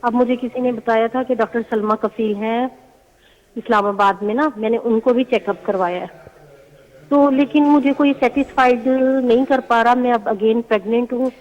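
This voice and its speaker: پاکستان سے ایک خاتون کالر، دھیمی آواز میں پریشانی سے اپنا مسئلہ دہراتی ہے۔. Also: female voice, fairly high pitch. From Pakistan. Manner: soft-spoken, worried, repeats herself. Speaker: caller. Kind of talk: phone call to a show. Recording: dull phone line played in reverberant studio.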